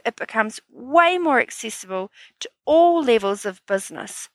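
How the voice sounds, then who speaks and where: A woman hosts a solo business podcast, explaining things in an upbeat, chatty way despite sounding a bit stuffy from hay fever. Her voice is a little high and a bit bright, with no room sound.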